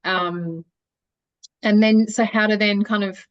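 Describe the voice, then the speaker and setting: A woman's voice: medium pitch, steady tone, slow. Woman, bad video call connection, dull lo-fi sound, rambling, encouraging, yoga trainer. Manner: encouraging, rambling with many fillers. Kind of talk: group video call chat.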